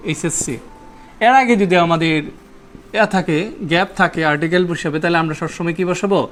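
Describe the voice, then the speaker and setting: A man with a high voice teaches a grammar lesson at a whiteboard. He goes over each rule several times and keeps asking his students what comes next. Faint room noise sits in the background. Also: steady tone, fairly quick, a bit bright. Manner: repeats key points and quizzes students with rhetorical questions.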